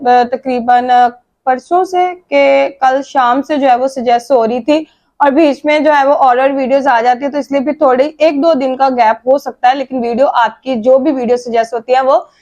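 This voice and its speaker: A woman's voice: high voice, a little mellow, muffled recording. A woman from Pakistan hosting a reaction video, chatting casually and mixing in English phrases. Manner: chatty, mixes English phrases, frequent fillers.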